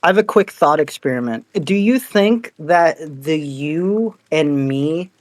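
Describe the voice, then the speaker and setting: A man's voice: fairly high pitch, lively intonation, measured pace, no echo. A man co-hosting a podcast as the joking, self-deprecating comic relief, with a slight lisp. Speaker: podcast co-host. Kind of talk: casual podcast chat.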